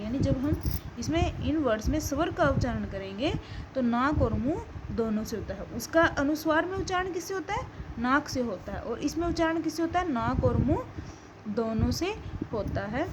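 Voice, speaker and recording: A high-voiced woman teacher walks her students through a grammar lesson, posing questions and answering them herself. The recording carries clear background noise throughout. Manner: explains step by step, asks and answers her own questions. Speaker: school teacher.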